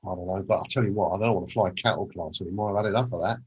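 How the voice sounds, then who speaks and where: A man's voice: low voice, very fast, slightly rough, low-quality recording. A man quoting a brash London lad who answers every question vaguely. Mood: offhand. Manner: offhand, noncommittal.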